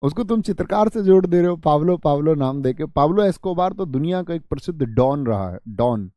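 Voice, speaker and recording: Male coaching-class tutor, a bit high-pitched, dry mellow sound, quizzing students and joking with them. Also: animated, brisk, no room sound. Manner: drills students with repeated call-and-response questions; chatty, joking, reads student comments aloud. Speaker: exam coaching teacher. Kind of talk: live online class.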